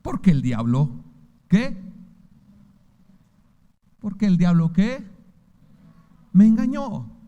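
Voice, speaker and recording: A man's voice: high-pitched, very animated, slow pace, long pauses, warm tone, dull audio. A man with a Mexican accent preaching a sermon as pastor, firing rhetorical questions at his listeners with fervor. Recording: long hall reverb.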